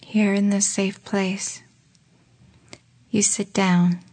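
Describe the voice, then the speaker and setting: A woman leading a guided relaxation exercise in a slow, soft voice that often drops into a whisper. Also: medium pitch, flat delivery. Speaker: meditation guide.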